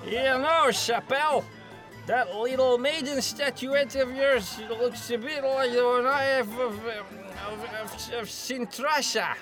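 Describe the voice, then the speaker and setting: A man voicing a loud, tactless drunk shopkeeper who slurs and bellows his words. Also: extremely high pitch, music in the background, a crowd in the background, pitched above the performer's own voice. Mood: drunken bluster. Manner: slurring, bellowing, drawn-out words.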